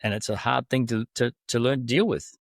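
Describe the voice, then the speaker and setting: Coach hosting, dry close sound. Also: male voice, mid-range voice, a little fast, vocal fry, dry recording. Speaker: MMA coach and podcast host. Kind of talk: casual interview.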